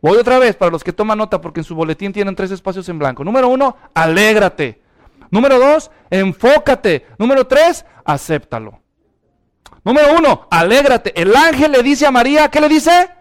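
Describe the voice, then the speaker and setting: A man preaching an animated sermon and calling on the congregation to answer aloud. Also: high voice, moderate pace, clear, resonant tone. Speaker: pastor.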